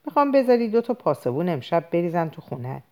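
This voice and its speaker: Blunt middle-aged cop from a novel , read by a woman, low voice, lively swings, conspiratorial. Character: older male police officer, blunt friend.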